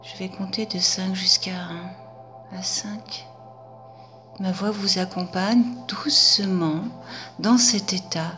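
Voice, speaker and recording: Slow half-whispering woman hypnotist. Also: medium pitch, fairly even intonation, faint music behind. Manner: soft, half-whispered, drawn out. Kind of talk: guided hypnosis session.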